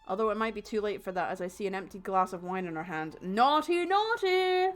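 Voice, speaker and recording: A woman's voice: medium pitch, fast, soft background music. A woman streaming a story game, reading its text aloud and adding playful, sarcastic remarks. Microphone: desk mic, no headphones.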